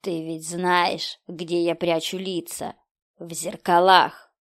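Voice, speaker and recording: A woman voicing a cruel, mocking hidden maniac in a horror story, speaking slowly with a hiss. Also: lowish voice, little pitch movement, no room sound, clean studio sound. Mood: menacing. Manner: slow, taunting, hissing delivery.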